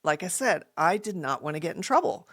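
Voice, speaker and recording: A woman podcast host telling a funny personal story in an animated way, laughing often and acting out what people said. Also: fairly low pitch, brisk, breathy edge.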